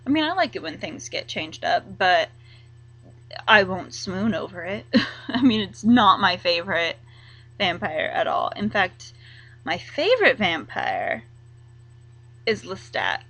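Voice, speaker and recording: A young woman talks to her webcam from a room at home, taking her time over each thought. Her pitch sits in a middle range, and she rambles, stops short and starts again, with filler words between her phrases. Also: lively intonation, a bit bright, rough recording. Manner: rambling, halting, full of "like" and "um". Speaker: vlogger. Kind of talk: casual chat to camera.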